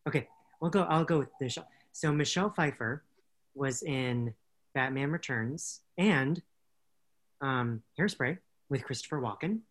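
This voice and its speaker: A woman's voice: extremely low pitch, a little slow. A woman co-hosting a casual podcast chat, talking in a rambling way with many restarts and easy laughs. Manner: rambling, self-correcting, laughs easily. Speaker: podcast co-host.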